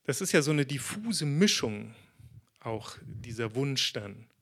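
Slow-speaking male preacher, relaxed sermon. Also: mid-range voice, breathy edge. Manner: conversational, animated storytelling with acted quotes.

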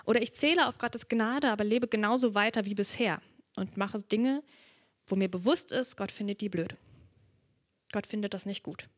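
A woman's voice: mid-range voice, moderate pace, no echo, studio quality. A woman preaching a sermon in a reflective, earnest way, reading from the Bible. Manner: earnest, reflective, drops to a whisper at moments.

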